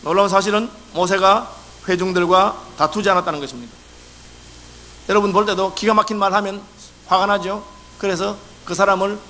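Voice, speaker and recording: Man, pastor, sermon, high voice, faint hum behind. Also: pushed and bright. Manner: acts out quoted complaints in dialect. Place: church sanctuary.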